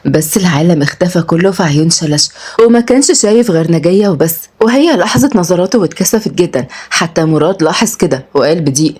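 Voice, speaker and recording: Fast low-voiced Egyptian woman storyteller. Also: expressive, a little mellow, husky. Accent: Egyptian Arabic. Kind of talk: reading a comic romance story.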